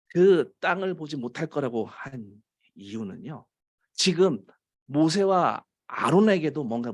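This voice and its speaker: A Korean man preaching a sermon as pastor, rising to emphatic lines and dropping to low, quiet asides, stretching out key phrases.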